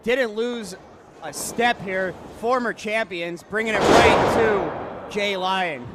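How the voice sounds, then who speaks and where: A man's voice: sits high, slow. A man giving live wrestling commentary as a commentator, with conversational banter around the action. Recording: very noisy event-hall recording.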